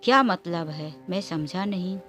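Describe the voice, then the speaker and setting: A woman voicing a hurt young husband who pleads softly. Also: lowish voice, measured pace, soft background music. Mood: pleading.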